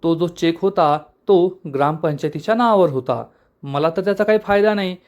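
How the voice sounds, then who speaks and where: A man voicing a scheming, sharp-tongued young wife who taunts others quickly, in a TV serial recap. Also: sits high, dull audio, lightly acted. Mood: indignant. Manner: taunting, fast mocking delivery.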